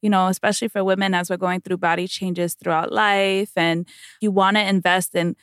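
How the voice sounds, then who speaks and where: A woman's voice: medium pitch, flat delivery, moderate pace, fairly bright tone, smooth, dry recording. A woman co-hosting a podcast in casual chat, recording inside a clothes closet at home, laid-back and saying "like" often. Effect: dry, muffled sound from recording inside a clothes closet. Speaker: podcast co-host.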